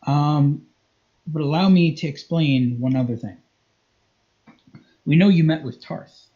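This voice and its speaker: A man voicing a cold, dismissive imperial chancellor in a tabletop game, speaking slowly and formally, on a muffled lo-fi recording. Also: a little high, mellow, lightly acted. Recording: muffled lo-fi audio.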